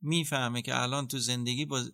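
A man speaking as a psychotherapist in an interview, calmly explaining how treatment works and acting out what a therapist says. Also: mid-range voice, vocal fry, no echo, clean studio sound. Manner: calm, explanatory, acts out therapist dialogue. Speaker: psychotherapist guest.

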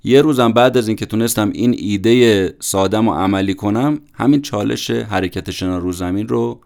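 A man with a low, gravelly voice gives a book summary in a relaxed, chatty podcast manner. He speaks conversationally, with colloquial asides. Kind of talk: casual book-summary narration.

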